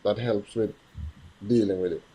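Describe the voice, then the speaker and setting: A man, a guest doctor, giving casual health advice in a hesitant, halting way. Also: lowish voice, steady tone, mellow, husky, poor audio.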